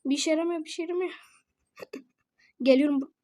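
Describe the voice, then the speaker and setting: A woman chatting playfully through a game, excitable and quick to laugh, calling her friend bro. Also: high voice. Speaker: gaming video host. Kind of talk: casual gameplay chatter.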